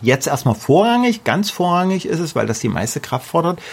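A man's voice: fairly high pitch, sing-song, fairly quick, vocal fry, slightly rough. A middle-aged man with a German accent, speaking casually and emphatically in an interview about the house he builds, often repeating words for stress. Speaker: artist building his house.

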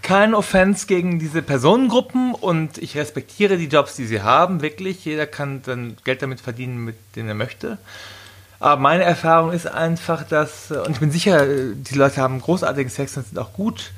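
A man in his thirties talks openly on a podcast, telling stories with lively put-on voices for the people in them. His voice sits a little high and has a husky edge. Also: moderate pace. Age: 30s. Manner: candid, animated storyteller acting out quoted voices. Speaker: guest. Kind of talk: casual chat.

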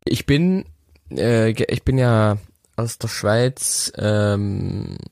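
A man in his late twenties co-hosts a casual podcast chat from a holiday house over a shaky remote call, rambling with many fillers and restarts. His voice is on the low side, creaky and a little mellow, with drawn-out words and clean studio sound with no echo.

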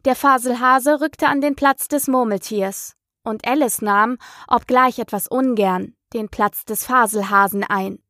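Storyteller, woman, fairly high voice, slow measured audiobook reading. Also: a bit bright, no room sound, studio quality. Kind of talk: audiobook narration of a children's classic.

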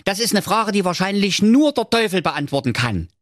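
A man voicing shrill, quarrelsome fairy-tale villagers who bicker and plead. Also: sing-song, normal speed, dry recording, clean studio sound.

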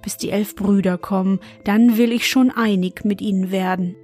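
A woman voicing a kind, cautious youngest brother in a storybook reading, calm and reassuring. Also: medium pitch, moderate pace, soft background music, lightly acted.

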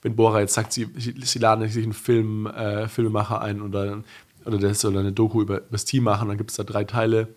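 This young pro racer talks fast in a lowish voice with an entirely flat delivery, guesting on a laid-back podcast. His speech meanders, full of false starts, filler words and sudden emphatic spurts.

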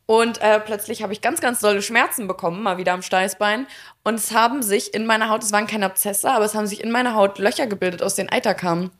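A young woman tells a personal story on her podcast. She speaks at a middle pitch and acts out the voices of the people in the story. The delivery is casual and chatty throughout. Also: steady tone, fast, a bit bright. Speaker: podcast co-host. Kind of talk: casual chat.

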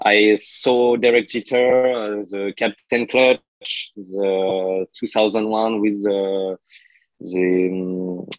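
A low-pitched man with a French accent, a native French speaker, talks casually in a close, dry recording. He goes slowly and haltingly, translating in his head and hunting for each English word. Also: level tone, no echo, low-quality recording. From France. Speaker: podcast guest and card collector. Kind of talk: casual interview storytelling.

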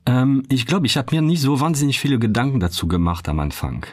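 A man's voice: medium pitch, lively intonation, fast talker, no echo. French-accented man, dry close voice. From France. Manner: hesitant, many fillers and restarts. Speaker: founder and CEO, podcast guest. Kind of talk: reflective interview talk.

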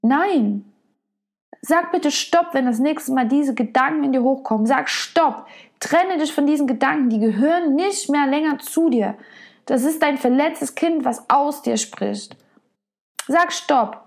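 A woman coach talks straight to the listener about being kind to herself, earnest and coaxing. She repeats key phrases to drive them home. Her voice sits high and carries a gravelly fry. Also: animated, a little slow, darkish tone. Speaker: women's self-love and nutrition coach. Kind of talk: motivational self-help monologue addressed to the listener.

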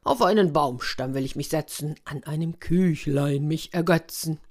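A big, gruff storybook bear, as a woman puts him on, booming and bossy, grumbling louder than the telling around him. He sounds greedy and short-tempered, voiced a little low. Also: normal speed. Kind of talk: storybook reading.

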